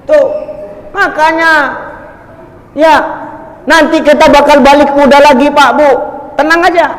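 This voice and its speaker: A man's voice: extremely high pitch, steady tone, unhurried. A man preacher giving a jokey storytelling sermon, talking straight to the crowd as sir and madam. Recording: echoey hall reverb.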